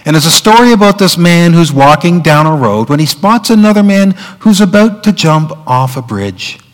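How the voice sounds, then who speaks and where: Pastor preaching in a reverberant church. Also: male voice, a little high, expressive, normal speed. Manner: conversational, with filler words and restarts. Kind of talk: sermon.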